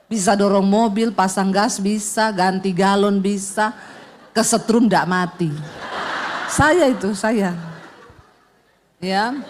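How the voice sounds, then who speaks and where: A woman's voice: mid-range voice, slight background noise. A middle-aged woman pastor, telling a funny story in a sermon and acting out the sounds and voices in it. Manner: animated and humorous, acts out sounds and dialogue.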